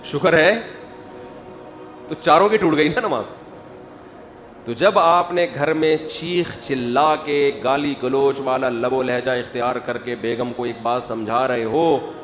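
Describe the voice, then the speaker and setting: A man giving a humorous religious talk, acting out quoted voices and building to loud emphasis. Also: medium pitch. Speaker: Islamic preacher. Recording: echoey hall with faint music.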